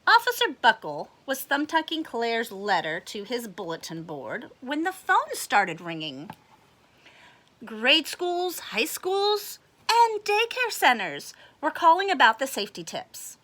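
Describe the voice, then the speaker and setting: A woman with a bright, high voice reads a picture book aloud to children, slowly and with wide swings in pitch. Her manner is expressive and exaggerated for young listeners, and she adds asides and questions.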